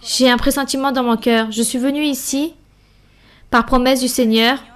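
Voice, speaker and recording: A woman giving a French voice-over of a Bible study and a church member's testimony, speaking in measured, earnest short phrases. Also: a little high.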